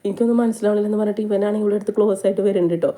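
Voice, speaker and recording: A woman, casually retelling a drama plot in rapid chatty storytelling. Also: mid-range voice, steady tone, mellow. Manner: rapid chatty retelling, frequent tag "ട്ടോ". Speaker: movie recap narrator.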